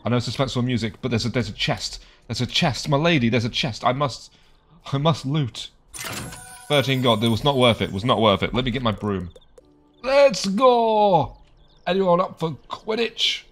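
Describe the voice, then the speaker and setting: A man's voice: mid-range voice, brisk, fairly bright tone, faint music behind. A man giving playful, improvised gameplay commentary in a jokey, mock-dramatic manner. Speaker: gaming host.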